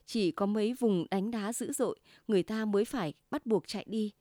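A woman's voice: mid-range voice, brisk, dark tone, no room sound, clean studio sound, natural voice. Woman playing a grumbling husband. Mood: grave. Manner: lecturing, grumbling. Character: hot-tempered middle-aged husband, lecturing, smoker.

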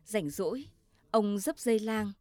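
A woman narrating a story in a measured, steady reading. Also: mid-range voice, no echo.

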